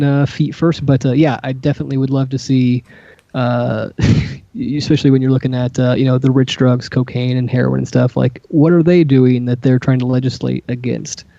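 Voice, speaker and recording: Flat-voiced, halting man on a discussion show. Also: mid-range voice, vocal fry, no room sound. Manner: halting, many fillers and restarts. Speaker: co-host. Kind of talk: casual panel discussion. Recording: dull lo-fi sound.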